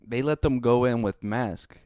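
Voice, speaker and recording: A man co-hosting a podcast, calmly breaking down football plays in casual chat with many "you know" fillers. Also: mid-range voice, unhurried, clear, resonant tone, no room sound, clean studio sound. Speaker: podcast co-host.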